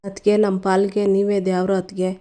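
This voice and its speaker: A scheming mother begging through tears, as a woman narrator puts her on, in a soft, mellow voice with little melody. She sounds like a serial villain putting on a humble act. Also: mid-range voice, monotone, normal speed, lightly acted. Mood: pleading. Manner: pleading, tearful. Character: tearful scheming mother pleading with sister-in-law.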